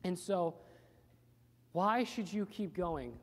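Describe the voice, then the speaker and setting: A man's voice: high-pitched, lively intonation, slow. A male pastor giving an earnest, plain-spoken sermon in a church, repeating phrases for emphasis. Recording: reverberant church hall.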